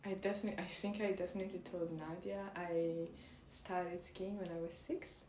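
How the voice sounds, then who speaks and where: A giggly young Hungarian woman, whose first language is Hungarian, chats casually as a podcast guest, hesitating with many ums. Her voice is fairly low and warm, with a flat delivery at a moderate pace. She's recorded in a roomy bedroom with faint background noise.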